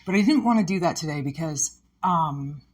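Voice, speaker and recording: Low-voiced woman, frank and reflective. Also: lively intonation, moderate pace, husky. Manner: frank, reflective, self-questioning. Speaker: podcast host. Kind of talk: candid personal podcast monologue.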